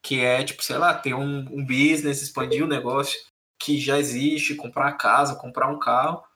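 A man's voice: medium pitch, flat delivery, moderate pace, sharp tone. A young Brazilian man with a Brazilian Portuguese accent, co-hosting a casual chat in a slangy, rambling way. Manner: slangy, rambling, lots of filler. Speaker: podcast co-host.

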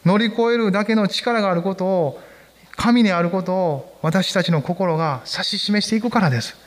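A man's voice: high-pitched, moderate pace. A man preaching a sermon at a church service, earnest and pastoral, leading the congregation in reading scripture aloud.

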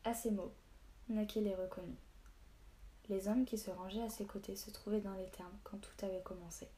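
A woman reading a novel aloud in steady, unhurried narration. Her voice is warm and mellow. A faint noise sits behind her. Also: medium pitch. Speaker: story reader.

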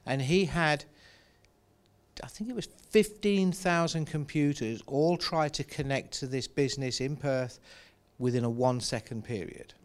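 A man's voice: mid-range voice, a little slow. A man, a cybersecurity expert explaining attacks on a panel with dry humor. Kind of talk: panel discussion.

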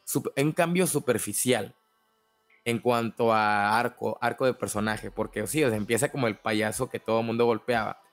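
A man hosts a casual podcast discussion. He speaks haltingly and often stalls and restarts mid-phrase. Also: mid-range voice, soft background music. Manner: hesitant, halting with many restarts. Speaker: podcast host.

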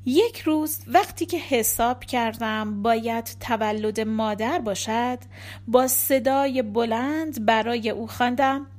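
A woman narrating an audiobook in the first person, reading at a measured, calm pace. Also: on the high side.

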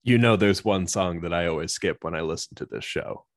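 A man's voice: deep voice, a little fast, dry recording, studio quality. A man co-hosting a podcast, recapping a plot and joking in a sarcastic, self-deprecating way. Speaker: podcast co-host. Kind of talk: casual chat and plot recap.

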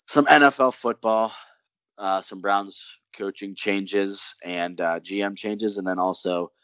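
A man's voice: on the low side, a little slow, dry recording. A young man co-hosting a sports podcast, chatting casually and rambling with lots of "like" and "um". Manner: relaxed, rambling with many likes and ums. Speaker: podcast co-host. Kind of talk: casual chat.

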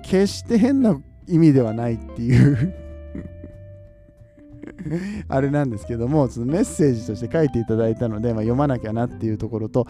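A man from Nagoya, Japan, hosting his podcast in a relaxed, chatty way, often chuckling and asking listeners questions. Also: medium pitch, brisk, pauses often, faint music behind. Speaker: podcast host. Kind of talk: casual solo chat.

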